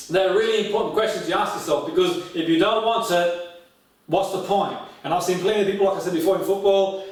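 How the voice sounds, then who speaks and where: An Australian man with a high voice gives a motivational seminar talk on goal-setting. He addresses listeners directly, repeating catchphrases and posing rhetorical questions. The room is very echoey and the mic is distant.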